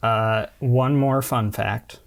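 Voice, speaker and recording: A man co-hosting a podcast, chatting in a relaxed way and sharing trivia. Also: medium pitch, takes it slowly, creaky. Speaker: podcast co-host. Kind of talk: casual chat.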